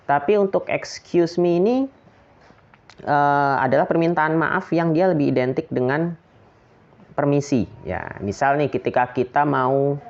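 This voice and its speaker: A man from Indonesia explaining English phrases in a relaxed, chatty lesson, with fillers and light laughs. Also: mid-range voice, lo-fi sound. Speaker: English teacher.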